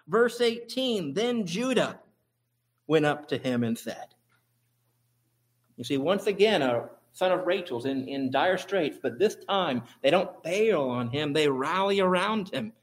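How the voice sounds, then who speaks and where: A man preaching a sermon as pastor, using emphatic, repetitive phrasing. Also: a little high.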